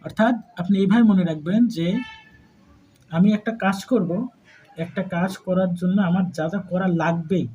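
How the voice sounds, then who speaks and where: A man's voice: sits high, normal speed, dark tone, highs cut off, a little hiss or hum. A man with a Bangladeshi Bengali accent teaching a math lesson to students in a chatty way. He mixes in English terms and keeps asking whether the class follows him. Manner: conversational, mixes English terms, checks understanding with repeated questions.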